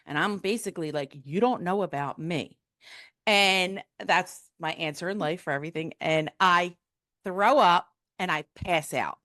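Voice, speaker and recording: A woman in her fifties, a guest telling a personal story in a frank, casual, animated way, acting out the people she quotes. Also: on the low side, normal speed, no room sound, clean studio sound.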